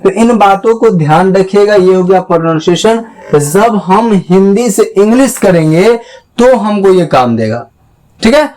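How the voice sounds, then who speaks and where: A young man leads a lesson on how letters sound. His voice sits high, and he talks slowly, spelling each word out letter by letter and stopping often to check that his students follow. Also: animated, darkish tone, rough recording. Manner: slow, spells words out letter by letter and keeps asking "clear?". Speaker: English teacher.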